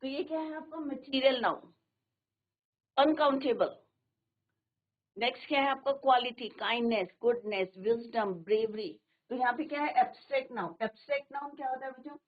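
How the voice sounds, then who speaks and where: A woman with a Hindi accent teaching an English lesson to a class. She keeps asking the students questions, answers them herself and says each English example slowly. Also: high voice. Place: studio. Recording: tinny phone-like broadcast.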